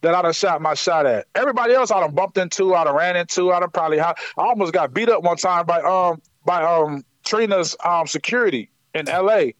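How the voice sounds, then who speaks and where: A man from Ohio with a high voice, talking in a lively, slangy way. He tells stories with a loose swagger, full of "you know what I'm saying." The sound is dry and close, with no room around it. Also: fairly quick, few pauses, no echo, muffled recording. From Akron, Ohio. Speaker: guest musician. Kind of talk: casual interview by phone. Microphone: phone line.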